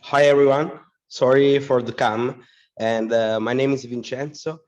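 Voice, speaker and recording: Flat-voiced male student on a muffled call. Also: medium pitch. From Italy. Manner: casual, halting self-introduction. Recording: dull lo-fi call audio.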